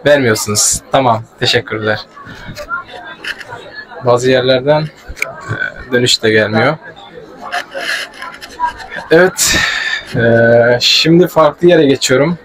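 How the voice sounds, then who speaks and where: A man who is not a native Turkish speaker, vlogging and interviewing casually, halting as he searches for his sentences. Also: on the high side, fairly bright tone, poor audio. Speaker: vlogger interviewing student clubs. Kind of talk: casual vlog narration and on-the-spot interviewing. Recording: outdoor crowd chatter. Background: crowd at a student club fair.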